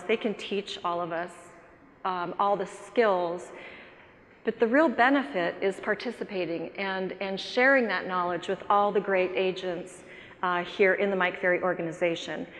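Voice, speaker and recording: A woman's voice: mid-range voice, normal speed, fairly bright tone. A woman speaking on stage, earnest and grateful, stopping and restarting as she talks. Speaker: guest speaker, real estate agent. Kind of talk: onstage speech. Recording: hall reverb with faint noise.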